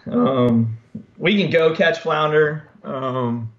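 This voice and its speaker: A man joins by video call as a guest guide, speaking in a relaxed, matter-of-fact way. His audio comes through dull and muffled. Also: on the high side, very slow. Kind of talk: casual chat.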